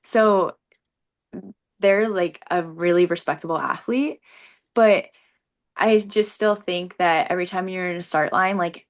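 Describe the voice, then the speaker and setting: A young woman runner talking earnestly in a casual interview, peppering her sentences with "like". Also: fairly low pitch. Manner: earnest, frequent "like" as filler. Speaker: competitive runner being interviewed.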